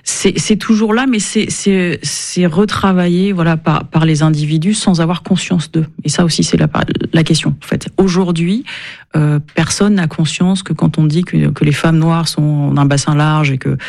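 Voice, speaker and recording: A woman's voice: low voice, steady tone, normal speed, vocal fry, a little mellow. A woman speaking as an expert guest in a radio interview, thoughtful and hesitant, with many fillers.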